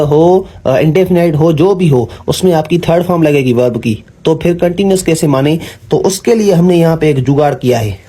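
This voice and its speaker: Mellow-voiced man teaching grammar patiently. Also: on the high side. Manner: patient, repeats "ठीक है", frequent fillers and self-corrections. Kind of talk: classroom-style explanation.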